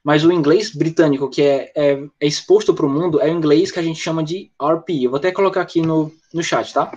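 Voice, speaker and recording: A man's voice: fairly high pitch, a little fast, darkish tone. A man with a Brazilian Portuguese accent teaching English in an online class, explaining points and answering students from the chat. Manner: explanatory, talks with students by name and reads the chat. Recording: lo-fi dull audio.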